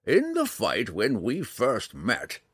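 A man voicing a stern, gruff male woodland hermit who scolds in a raised, high voice. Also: huge pitch swings, slow, no room sound, studio quality, heavily acted. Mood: scolding.

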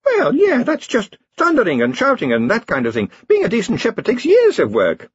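A fussy, indignant village carpenter in a fantasy audiobook, as a male narrator puts him on, pitched up high and loud with a husky edge. Dry, slightly dull recording. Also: huge pitch swings, a little fast, no room sound, exaggerated voice.

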